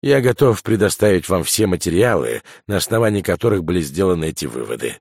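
A man voicing a calm, deliberate male intelligence chief who explains things methodically, in an audiobook. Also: low voice, no room sound, clean studio sound, exaggerated voice. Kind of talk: audiobook character voice.

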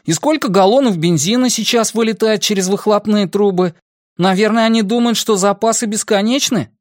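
A man voicing an excitable, cynical teenage boy in an audiobook, talking loudly. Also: high voice, a little fast, dry recording, studio quality, voice pushed up, lightly acted. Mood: excited. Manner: loud, animated.

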